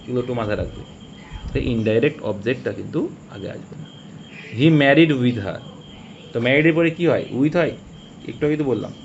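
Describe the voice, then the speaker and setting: A man teaching English grammar, asking questions and answering them himself, and reading example sentences out slowly. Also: mid-range voice, lively intonation, vocal fry. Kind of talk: spoken grammar lesson. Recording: dull lo-fi audio with faint hiss.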